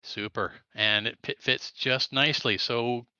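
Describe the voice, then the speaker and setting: A male race director speaks over group voice chat, his tone bright and forward. He organizes the drivers in a relaxed, easygoing way, pausing on the odd "uh". The pitch sits at an ordinary middle level. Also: clean tone, no room sound, lo-fi sound. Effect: heard over group voice chat. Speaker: race director of an online racing league. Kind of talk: casual voice chat, then giving a race briefing.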